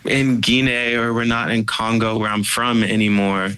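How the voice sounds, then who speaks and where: A man speaking as a guest in a casual interview, expressive and animated, with many "like" fillers. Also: on the low side, normal speed, smooth, rough recording. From United States.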